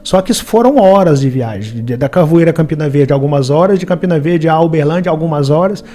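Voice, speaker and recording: Earnest Brazilian man with a mellow voice. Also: on the high side, expressive, quick pace, faint music behind. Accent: Brazilian Portuguese, Minas Gerais. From Minas Gerais, Brazil. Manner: earnest, reflective storytelling. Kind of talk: personal storytelling in an interview.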